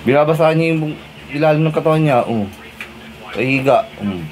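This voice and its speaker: A man filming his dog at home, talking to it slowly and coaxingly in short questions. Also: on the high side, animated, slight background noise. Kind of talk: casual talk to a pet.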